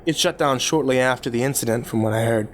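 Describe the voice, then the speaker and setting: Troubled, privileged young man, played by a male actor, mid-range voice, halting confession in a horror drama, audible background noise. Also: medium pitch, natural voice. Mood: guilty, confessional. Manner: halting, confessional, stammering over repeated words. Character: troubled rich young man confessing his cruel teenage past. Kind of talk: dramatic first-person horror story monologue.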